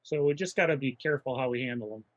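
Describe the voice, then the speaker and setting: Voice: mid-range voice, very fast, dull audio. Laid-back tabletop player. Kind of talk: tabletop game chat.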